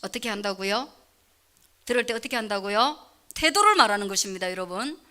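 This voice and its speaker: A woman pastor preaching a sermon who asks the congregation questions and answers them herself. She swings between fervent near-shouting and soft whispers. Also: medium pitch, expressive, brisk.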